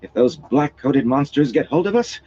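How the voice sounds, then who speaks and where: Man doing a shrill noblewoman, scheming and sharp-tongued, urgent, pitched way up, muffled lo-fi sound. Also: fairly quick, slight background noise, lightly acted. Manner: shrieking, urgent.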